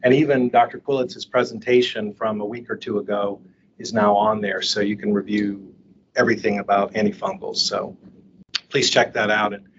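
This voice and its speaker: A man moderating a medical lecture, giving measured, appreciative closing remarks. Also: on the low side, a bit bright. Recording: dull lo-fi audio with faint hiss.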